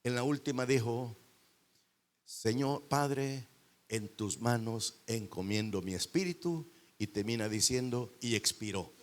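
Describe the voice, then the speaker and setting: Pastor preaching with swelling emphasis. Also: male voice, medium pitch. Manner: preaching with sudden loud swells and dramatic pauses. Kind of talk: sermon. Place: church. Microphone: handheld microphone.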